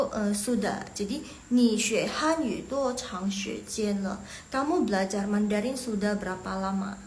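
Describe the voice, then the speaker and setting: A woman from Medan teaching Mandarin in a casual live lesson, chatty and quick to laugh, talking to viewers as friends. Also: mid-range voice, roomy sound, slight background noise. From Medan, Indonesia. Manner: chatty, laughs often, talks to viewers as guys.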